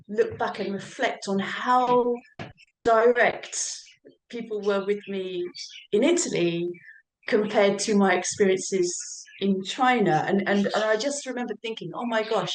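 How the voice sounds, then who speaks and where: A woman's voice: medium pitch, roomy sound, rough recording. A woman who teaches English, telling about living abroad in a hesitant way with many fillers. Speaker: English for academic purposes teacher. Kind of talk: casual introduction at an online event.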